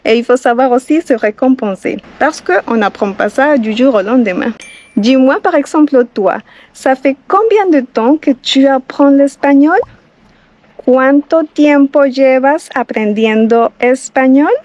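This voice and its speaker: This Colombian channel host and Spanish teacher speaks in a high, unhurried, somewhat mellow voice with no echo. Outdoors by the water and barefoot, she gives a casual bilingual lesson, repeating each phrase in Spanish and French, her French carrying a Spanish accent.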